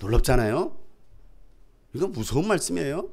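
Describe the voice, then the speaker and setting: A middle-aged pastor preaching a sermon, fiery and dramatic, who often shouts to drive home his point. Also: a little high, big pitch swings, moderate pace, vocal fry, a crowd in the background.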